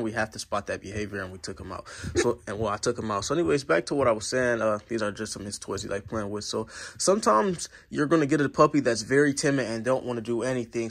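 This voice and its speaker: A man's voice: mid-range voice, fairly bright tone. A man talks casually to his camera at home, sharing puppy training advice. His voice is slightly stuffy from a cold, and he rambles, circling back with fillers and restarts as he goes. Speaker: dog vlogger. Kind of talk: casual vlog talk to camera.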